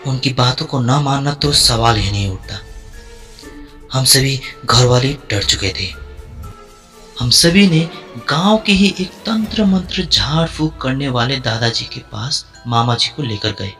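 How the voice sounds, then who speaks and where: A man telling a first-person horror story as scripted narration, slow and dramatic with drawn-out pauses. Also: medium pitch, animated, pushed and bright. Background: faint music.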